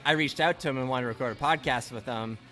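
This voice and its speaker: Fast, bright and forceful, this mid-range-voiced Ontario man hosts a podcast, rambling through a casual interview full of restarts and tacked-on "right?"s. Soft music plays behind him.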